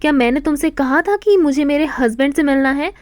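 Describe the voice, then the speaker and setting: A woman's voice: high voice, fairly even intonation, moderate pace, no echo, natural voice. A woman reading an angry young mother. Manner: sharp, accusing.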